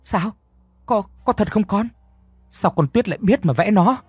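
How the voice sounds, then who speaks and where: A man's voice: medium pitch, lively intonation, normal speed, husky, no room sound. A man voicing an anxious middle-aged mother, fretful and easily startled. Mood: alarmed.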